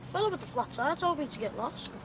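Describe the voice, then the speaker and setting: A brash young street boy in a TV comedy-drama. The voice is sharp and very high, cheeky and hustling, with faint street noise behind it. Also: expressive, fast talker. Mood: brash, grudging.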